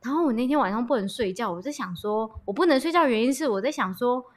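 A woman's voice: on the high side, lively intonation, fast. A woman, a guest retelling events in a casual chat, with hesitant fillers and English words mixed in.

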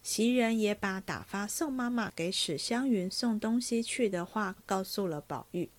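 A woman reading a classic novel aloud in an even storytelling manner. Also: medium pitch, moderate pace. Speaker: reader.

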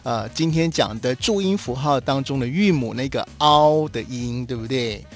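A man teaching Zhuyin pronunciation on a podcast, patiently demonstrating sounds with drawn-out particles. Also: medium pitch, faint music behind.

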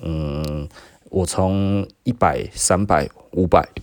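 Deep-voiced Taiwanese Mandarin man, chatty. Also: slow pace, no echo, clean studio sound. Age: 40s. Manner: chatty, laughs often, acts out quotes. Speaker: podcast host and business owner. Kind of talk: casual storytelling monologue.

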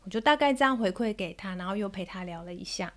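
A woman in her thirties with a Taiwanese Mandarin accent, hosting a parenting podcast and telling a story about her child in a gentle manner. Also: mid-range voice, animated, fast. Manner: gentle, soothing when quoting herself to her child. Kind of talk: storytelling monologue.

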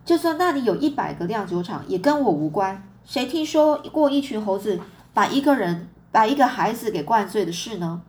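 A woman's voice: mid-range voice, sing-song, normal speed, darkish tone, lightly acted. A woman voicing a stern, exasperated farm mother who scolds her son. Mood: worried.

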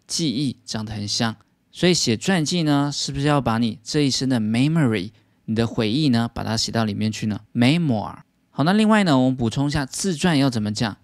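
A man's voice: medium pitch, dry recording, clean studio sound. A man teaching English vocabulary as a patient lesson, explaining words step by step.

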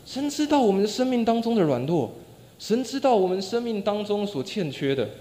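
A man preaches a sermon in a church sanctuary, his fairly high voice carrying a long reverb. He tells stories and acts out quotes, letting his phrases fall soft and low at their ends. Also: very animated, moderate pace.

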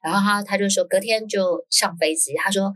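A woman guest who is both an author and a schoolteacher tells a personal story in conversation. Her medium-pitched delivery is lively, packed with fillers and quick "yes, yes" affirmations.

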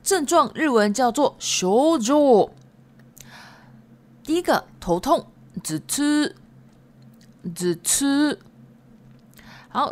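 Woman, language-lesson podcast host, slightly high pitch, patient repeater with chatty fillers. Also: darkish tone. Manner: patient, repeats words slowly, many fillers. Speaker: Japanese language teacher.

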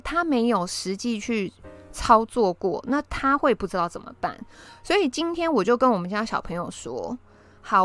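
A woman in her thirties, a parent, telling a story casually and acting out the lines she quotes. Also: medium pitch. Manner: animated, acts out quoted lines.

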